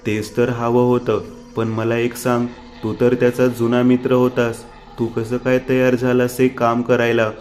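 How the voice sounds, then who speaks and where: A man's voice: medium pitch, completely flat delivery, a little slow, few pauses, a little mellow, faint music behind, lightly acted. A man voicing a calculating rich boss, satisfied and curious.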